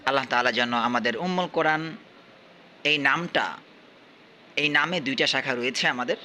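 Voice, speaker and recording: A man from Bangladesh teaching at a madrasa, quizzing his pupils and repeating questions while urging them to answer louder. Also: medium pitch, a little fast, a little hiss or hum. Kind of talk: classroom quizzing.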